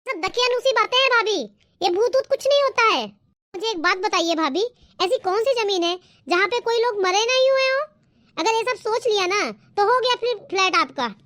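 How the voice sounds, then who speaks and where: Woman voicing a sly wheedling sister-in-law, very high. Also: expressive, normal speed, fairly bright tone, dry recording, studio quality. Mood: needling. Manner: wheedling, plays the victim.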